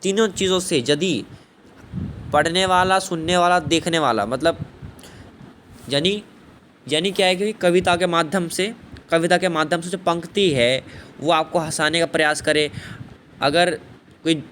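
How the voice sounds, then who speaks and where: A man's voice: a little high, unhurried, long pauses, a bit bright. Guy explaining a poetry lesson, keeps saying thik hai and bhai, slight background hum. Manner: repetitive, asks and answers own questions. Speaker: teacher. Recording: faint background noise.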